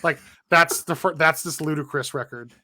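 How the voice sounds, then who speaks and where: A man co-hosting a gaming podcast, with a bright, forceful voice that sits a little high. He talks in a chatty, animated way and laughs easily. The sound is dry and close, with no room around it. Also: moderate pace, no room sound. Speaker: podcast co-host. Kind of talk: casual gaming podcast chat.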